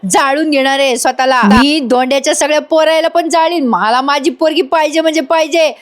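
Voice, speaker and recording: A melodramatic village aunt who screeches her threats, voiced by a woman. The voice rides high. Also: fairly quick, lightly acted. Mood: shrill. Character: dramatic shrieking village aunt.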